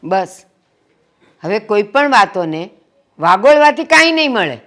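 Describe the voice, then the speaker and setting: A woman's voice: mid-range voice, measured pace, close to an everyday voice. A woman playing an older mother who heads the family, making peace and lecturing earnestly. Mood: stern scolding. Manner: earnest, scolding when roused. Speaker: family matriarch. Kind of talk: family drama acting.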